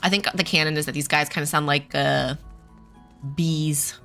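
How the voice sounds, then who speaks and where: A woman's voice: deep voice, fast, vocal fry, pushed and bright, soft background music. A woman giving casual playthrough commentary as a game streamer, informal and self-deprecating.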